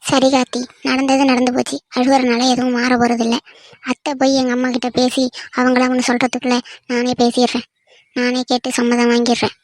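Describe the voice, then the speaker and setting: A high, flat-toned young village woman in love, voiced by a woman in a cartoon. She presses again and again with pleading questions, her voice staying level and insistent. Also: fairly quick, no echo, natural voice. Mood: resolute. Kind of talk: cartoon voice acting.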